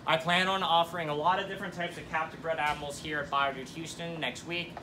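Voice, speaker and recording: A man's voice: a little high, steady tone, fast. A young man hosting a casual, enthusiastic tour, talking directly to viewers as he shows things around an indoor showroom. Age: young adult. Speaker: host giving a shop tour. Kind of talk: casual informal tour narration. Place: indoor showroom full of terrariums. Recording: clear background noise, terrarium room ambience.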